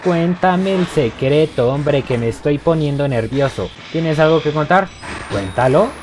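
A man's voice: on the high side, lively intonation, a little slow, a little mellow, slight background noise. A man doing let's play commentary on a horror game, joking and talking back to the characters on screen. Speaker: gameplay commentator.

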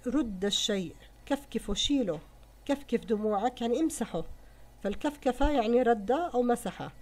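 A woman's voice: mid-range voice, darkish tone. A woman teacher explaining a poem, mixing formal with everyday speech. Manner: mixes formal Arabic with colloquial explanation. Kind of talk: explaining a poem in an Arabic lesson.

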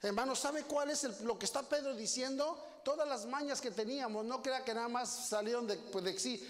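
Mexican preacher, man, folksy sermon style, high voice, long hall reverb. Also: a little fast. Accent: Mexican Spanish. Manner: animated, storytelling with folksy asides to the congregation. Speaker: guest preacher. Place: church sanctuary.

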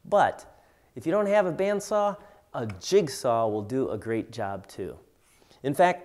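A man's voice: on the high side, a little mellow. A man in his forties teaching woodworking, explaining tools plainly and steadily as he demonstrates them in his workshop. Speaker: woodworking instructor. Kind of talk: tool demonstration tutorial. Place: home woodworking shop, indoors.

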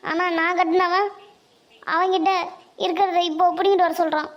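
A woman's voice: very high-pitched, fairly even intonation, a little fast, highs cut off. A woman playing a timid, long-suffering mother. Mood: resigned. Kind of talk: Tamil cartoon voice acting.

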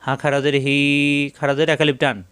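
Patient man teaching Quran spelling slowly. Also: medium pitch, level tone, fairly bright tone, clean tone, no echo. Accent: Bangladeshi Bengali. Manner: slow drawn-out chanting of Arabic words between plain explanations; patient, methodical, repeats each syllable. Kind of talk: step-by-step spelling and pronunciation lesson.

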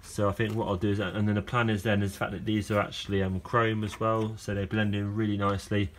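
Talking fast in a level tone, a man with a fairly low-pitched voice walks through a project for a casual how-to vlog. This car owner vlogger films on a phone camera held in an outdoor garage yard, with slight background noise, as he rambles with fillers and restarts.

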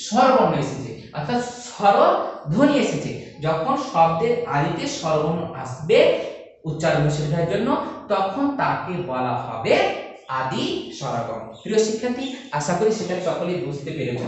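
Guy teaching at a board, asks himself questions as he explains, sounds far off in a roomy echoey class. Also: sits high. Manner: explains step by step with repeated rhetorical questions. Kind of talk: online classroom lesson. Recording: echoey room, far from the mic.

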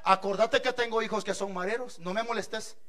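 A man's voice: sits high, a little fast, fairly bright tone. A man voicing a quarrelsome churchwoman who makes defiant threats. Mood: threatening.

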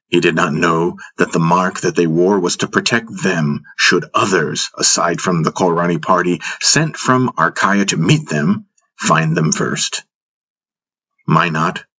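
A man narrating a fantasy audiobook in first person, steady and measured. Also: sits low.

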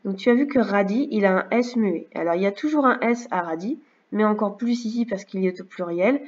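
A woman teacher giving a remote reading and maths lesson to young children, speaking slowly and clearly and often checking in with "d'accord?". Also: mid-range voice. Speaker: first-grade teacher. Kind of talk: remote lesson narration over slides. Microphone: computer mic. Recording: slightly dull lo-fi sound.

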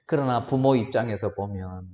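A man's voice: on the low side, moderate pace, a little mellow, highs cut off. A male pastor preaching a sermon with rhetorical questions and sudden rises, recorded in a church sanctuary. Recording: roomy church hall reverb.

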